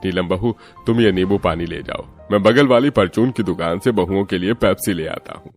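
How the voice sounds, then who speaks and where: A man voicing a gentle, humble older father-in-law in an animated family story, speaking mildly and apologetically. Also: low voice, a little fast, faint music behind, lightly acted. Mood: placating. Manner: mild and apologetic. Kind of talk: cartoon story voice acting.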